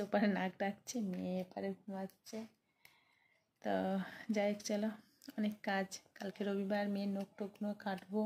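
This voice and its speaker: A tired woman in her thirties with a Bengali accent, chatting quietly in a late-night vlog from her bedroom, keeping her voice low so she won't wake her family. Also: a little hiss or hum. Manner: speaking softly and quietly so as not to wake the household. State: sleepy and tired. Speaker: vlogger.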